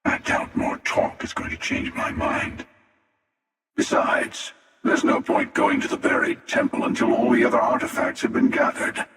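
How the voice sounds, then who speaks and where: An actor playing a menacing, arrogant, world-weary hunter villain in a video game, with a gravelly voice and a deliberate, sardonic delivery. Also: male voice, medium pitch, huge pitch swings, fairly bright tone. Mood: dry, sardonic. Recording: echoey, long reverb, distant.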